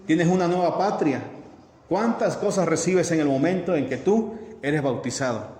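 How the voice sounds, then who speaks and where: A man's voice: a little high, normal speed, a little mellow. A man preaching a sermon to his congregation, often asking them questions and acting out dialogues. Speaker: pastor. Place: church hall. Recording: echoey church hall, faint hiss.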